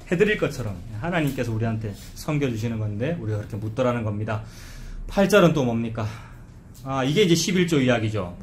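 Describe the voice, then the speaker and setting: Animated pastor in an echoey church. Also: male voice, mid-range voice, a little hiss or hum. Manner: conversational, asks the congregation questions; acts out quoted complaints in a mocking dialect voice. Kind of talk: expository sermon. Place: church sanctuary. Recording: echoey church room, faint ambience.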